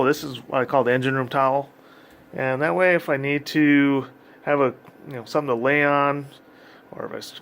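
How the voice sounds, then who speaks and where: A man with a mid-pitched voice gives an informal walk-through as a boat crew member. He explains things in a practical, matter-of-fact way, as someone showing equipment by hand in an engine room. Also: a bit bright, slight background noise.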